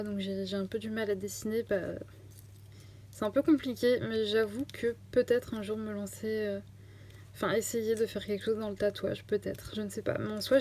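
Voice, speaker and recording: A woman's voice: medium pitch, a little mellow. Chatty young woman vlogger, faint hiss. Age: young adult. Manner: chatty, hesitant, many fillers. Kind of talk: casual Q&A chat to camera.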